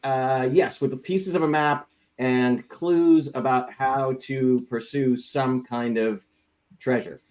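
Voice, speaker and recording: Casual man with a medium-pitched voice. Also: fairly even intonation, slow pace, a little mellow. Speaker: player in a tabletop game. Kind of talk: casual joking chat.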